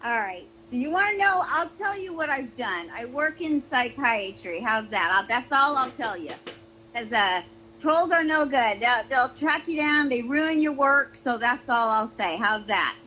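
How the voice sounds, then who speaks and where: A woman with a slightly high, bright, forceful voice and lively intonation chats and argues casually on a livestream call, speaking a little slowly. She is hesitant and rambling, and the muffled, noisy phone connection keeps breaking up.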